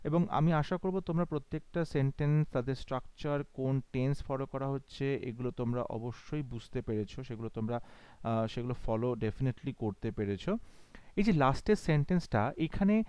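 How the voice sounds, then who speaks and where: A man teaching English translation in a slow lesson, dictating English phrases word by word between explanations. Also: mid-range voice, darkish tone, clean tone, dry recording. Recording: dull lo-fi dry recording.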